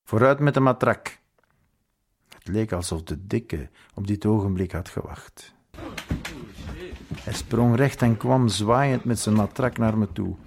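A man reading a first-person memoir aloud in a measured, earnest way. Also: fairly low pitch, creaky, a little mellow, slight background noise. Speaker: audiobook reader.

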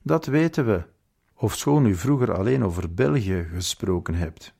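A man's voice: lowish voice, lively intonation, normal speed, vocal fry, warm tone, breathy edge, exaggerated voice. A man voicing a stern, bullying army major who barks his accusations in an audiobook. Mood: accusing. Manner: barking, accusing interrogation.

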